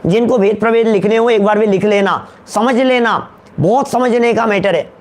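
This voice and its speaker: A Jain scholar with a notably high voice gives a religious discourse. He repeats key terms, slows down to drive them home, and keeps putting questions to his listeners.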